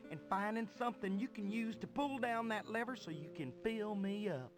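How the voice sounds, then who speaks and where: An actor voicing a friendly, folksy cowboy train who talks like the Old West in a children's game. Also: male voice, high-pitched, moderate pace, faint music behind, lightly acted. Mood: folksy, coaxing. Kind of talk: children's adventure game voice acting.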